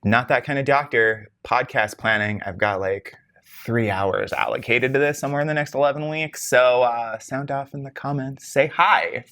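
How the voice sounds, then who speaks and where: A man sits at a microphone co-hosting a casual podcast. His pitch sits in the middle of the range, and he talks in a lively, self-teasing way. He jumps higher in pitch whenever he wants to stress a point. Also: normal speed. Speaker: podcast co-host. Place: podcast recording space with camera crew.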